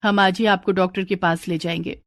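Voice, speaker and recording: A woman's voice: lowish voice, flat delivery, a little fast, background noise, natural voice. Woman doing a curious young daughter-in-law. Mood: probing.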